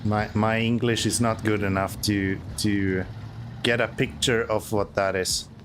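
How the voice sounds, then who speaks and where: A Swedish man, a native Swedish speaker with an accent to match, streams a driving game and chats in a joking, self-mocking, sarcastic way. His voice is lowish and flat, his pace a little slow, with slight background noise.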